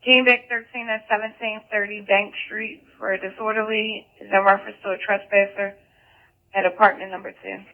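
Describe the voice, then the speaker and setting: A woman's voice: mid-range voice, flat delivery. Woman dispatcher over tinny police radio. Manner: brisk, clipped radio codes. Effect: police radio transmission.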